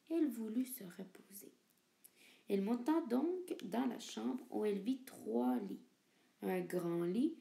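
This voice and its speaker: Woman storyteller, gravelly and dark-toned, lively sing-song reading, roomy echo. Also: a little high. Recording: echoey room.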